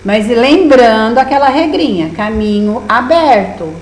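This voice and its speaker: A woman's voice: a little high, animated, a little slow. A woman teaching schoolchildren in Brazilian Portuguese, patiently explaining workbook tasks with lots of diminutives. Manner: patient, encouraging, with many diminutives. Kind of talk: remote lesson walking through a workbook. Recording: echoey room with faint hum.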